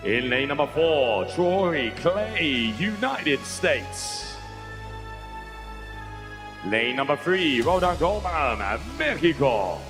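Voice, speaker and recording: A man working as a stadium announcer, calling out competitors in drawn-out, sing-song phrases in a large arena. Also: on the high side, big pitch swings. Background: loud music.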